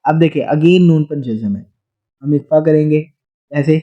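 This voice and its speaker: A man teaching Quran recitation, explaining rapidly in speech and then chanting verses slowly and drawn out. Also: a little high, dark tone. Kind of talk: recitation lesson. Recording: dull lo-fi recording.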